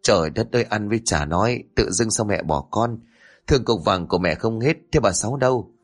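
A man's voice: lowish voice, expressive, a little fast. A man voicing a hesitant young mother who stammers and pleads. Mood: anxious.

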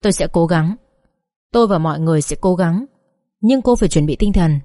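A woman voicing a grave, formal male doctor who speaks in a measured way in an audiobook story. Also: fairly low pitch, warm tone, no echo, studio quality, close to an everyday voice.

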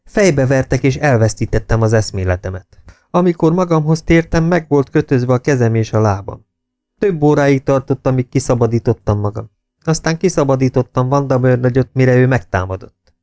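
A man's voice: mid-range voice, animated, warm tone, dry recording, pitched above the performer's own voice, natural voice. A man voicing a defiant policeman under interrogation, giving terse, guarded answers. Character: stubborn, defiant policeman held as a prisoner.

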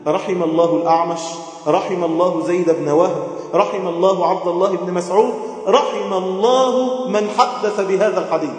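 A man preaching a sermon with an Egyptian Arabic accent, emotive, moving between loud chanting and soft pleading. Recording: booming echo with long hall reverb.

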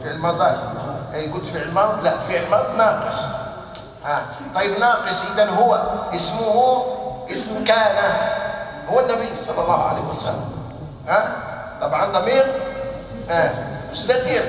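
A man's voice: sits high, moderate pace, pauses often, noisy background. A man teaching a class, asking the students questions and then answering them himself. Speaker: teacher of religious texts. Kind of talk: classroom lecture. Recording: echoey hall from far off.

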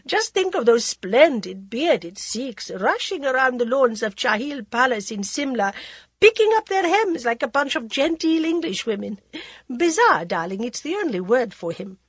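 A woman's voice: high-pitched, big pitch swings, moderate pace, slightly rough, dry recording, voice pushed up, full character voice. A woman putting on a gushing society lady full of gossip. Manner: gushing, breathless, calls everyone darling.

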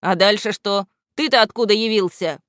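A woman's voice: medium pitch, normal speed, a bit bright, no room sound, clean studio sound, natural voice. A woman voicing a grumpy, irritable male storybook guardian who snaps at others. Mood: irritated. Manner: irritable, snapping. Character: grumpy know-it-all male book guardian.

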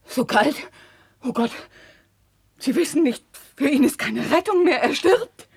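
An actress playing a distraught, guilt-stricken young princess in a theatrical, declamatory 1950s German radio drama style. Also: female voice, high voice, expressive, unhurried, gravelly, a little mellow, no echo, full character voice. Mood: desperate, remorseful. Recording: dry 1950s radio studio recording.

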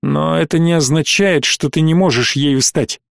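Stern, weary colonel on a warship, clipped commands, read by a man, slightly high voice, dry. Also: normal speed, vocal fry, no room sound. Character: stern weary middle-aged male space colonel.

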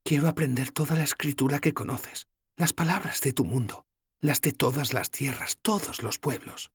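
A man's voice: mid-range voice, normal speed, husky, no echo, clean studio sound, pitched above the performer's own voice. A man voicing a spirited young village woman in an audiobook, speaking earnestly and boldly. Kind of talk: audiobook character voice.

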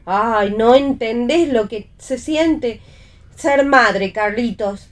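A woman's voice: a little high, slow. A woman voicing a fussy, doting mother who sighs over her son, in a radio theatre reading. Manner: fussy, sighing.

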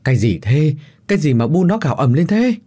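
A man voicing a gruff, irritable middle-aged country husband who snaps and shouts. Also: mid-range voice, very animated, moderate pace. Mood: alarmed. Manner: shouting, snapping angrily.

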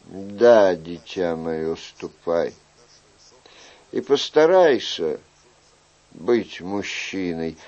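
A man reading an audiobook, voicing a weary, wry middle-aged king in a soft, measured way. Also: deep voice, lively intonation, lo-fi sound, voice pushed down, full character voice.

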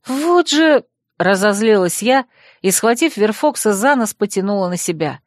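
A woman narrating a first-person audiobook, lively and expressive, on a close microphone. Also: mid-range voice, moderate pace, no echo.

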